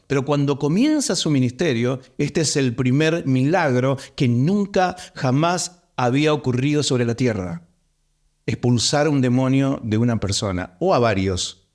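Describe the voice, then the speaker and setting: A man with a Rioplatense accent preaching a sermon as pastor, stressing points by repeating words. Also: mid-range voice. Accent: Rioplatense Spanish.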